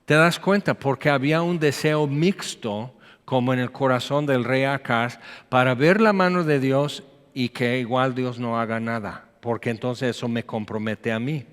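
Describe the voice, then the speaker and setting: A man's voice: medium pitch, moderate pace, clean tone. A man, preaching a sermon in a chatty style, reading scripture and breaking into acted quotes. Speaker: pastor. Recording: long hall reverb.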